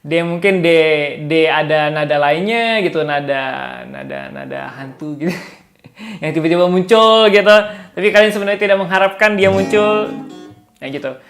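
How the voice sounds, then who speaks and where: A man's voice: high-pitched, normal speed, fairly bright tone. Chatty man giving a casual guitar lesson. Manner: chatty, refers to himself in third person, chuckles often. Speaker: guitar tutor and seller.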